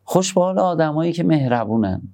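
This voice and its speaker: A man giving a conversational sermon on parenting, moving between soft, tender asides and emphatic points. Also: on the high side, expressive, creaky. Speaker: religious speaker.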